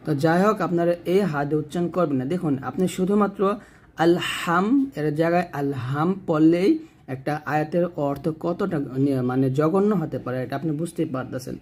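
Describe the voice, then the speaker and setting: Guy teaching quran letters, kinda high voice, slows way down to sound each one out. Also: a little mellow. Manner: slow drawn-out demonstration of letter sounds; patient explanatory teaching, repeating key points. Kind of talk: tajweed lesson on letter pronunciation.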